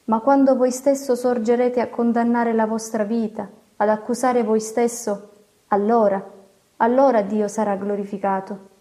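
A solemn, gentle old cardinal, read by a woman in a slightly high but mellow, warm voice. He speaks calmly and deliberately, like a patient churchman in a storybook. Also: close to an everyday voice. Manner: calm, measured, solemn.

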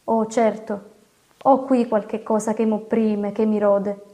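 Woman doing tormented nobleman, anguished, despairing, mellow voice, audiobook. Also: medium pitch, level tone, takes it slowly, lightly acted. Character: tormented, feared nobleman, a hardened man.

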